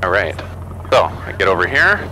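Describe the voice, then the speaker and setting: A man flying solo as a student pilot, speaking through his cockpit headset and calmly coaching himself through checklist callouts. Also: low-pitched, moderate pace, rough recording. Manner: calm self-coaching callouts, terse. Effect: pilot headset intercom in cockpit. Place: small plane cockpit in flight. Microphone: aviation headset boom mic. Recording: engine and wind noise in cockpit.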